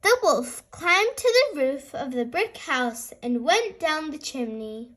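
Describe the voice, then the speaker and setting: High-pitched woman reading a fairy tale aloud. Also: sing-song, slow, a bit bright. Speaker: host reading stories aloud for small children. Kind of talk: fairy tale opening, storybook read-aloud narration for children.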